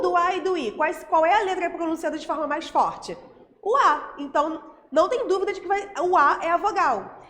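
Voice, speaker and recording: A woman teacher with a Brazilian Portuguese accent explains a grammar lesson patiently, often checking in with quick tag questions. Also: very high voice, fairly bright tone, in a large hall.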